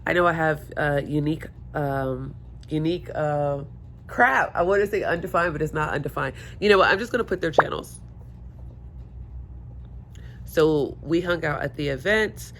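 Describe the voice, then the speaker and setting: A stuffy, hungover woman chats casually to camera at home near the windows, her phone held or propped. Her deep voice has a fairly bright tone and moderate pace, and she rambles with self-mocking humor over a little hiss or hum.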